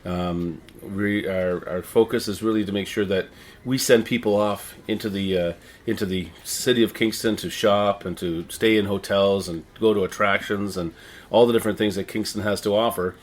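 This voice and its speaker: Middle-aged Canadian man with a lowish voice. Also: steady tone, moderate pace. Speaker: interviewee, town crier and visitor services manager. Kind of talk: conversational interview answers.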